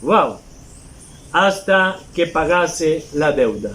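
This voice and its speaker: Emphatic high-voiced preacher. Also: male voice, animated, extremely slow, pushed and bright, slight background noise, low-quality recording. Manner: emphatic preaching, mocking hypocrites in mimicked asides. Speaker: pastor. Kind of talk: sermon.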